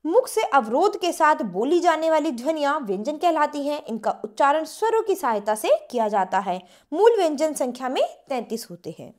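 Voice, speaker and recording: In a high, sing-song voice with a darkish tone, a woman teaches grammar by reading out definitions before unpacking them casually. She eases her pace when spelling letters and going through examples.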